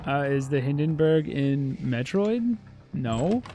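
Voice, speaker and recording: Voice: mid-range voice, big pitch swings, takes it slowly, dark tone, soft background music. A streamer chatting casually while playing a game, swearing freely and reacting with laughter. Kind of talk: casual gameplay chat.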